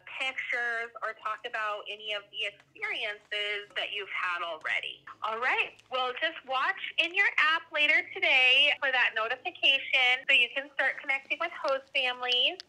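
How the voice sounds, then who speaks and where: A woman's voice: high voice, lively intonation, measured pace, few pauses, sharp tone. A woman coordinator on a phone call, polite and upbeat in a customer-service manner. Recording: tinny phone line.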